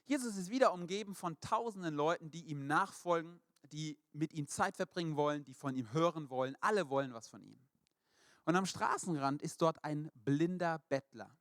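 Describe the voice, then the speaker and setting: A man preaching a sermon, retelling stories in a lively way and acting out the voices of the people in them. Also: fairly high pitch, moderate pace, dry recording, clean studio sound.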